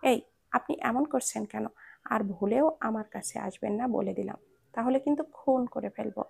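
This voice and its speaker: A woman's voice: a little high, moderate pace, creaky, husky, full character voice. A woman reading the lines of a stubborn, easily frightened young bride, pleading and indignant.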